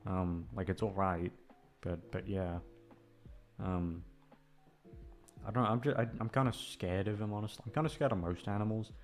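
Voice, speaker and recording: Faint music plays behind a man addressing his listeners as an audio creator, speaking at a moderate pace with long pauses. His voice is low, and his casual rambling is hesitant, repetitive, full of swearing and self-deprecation.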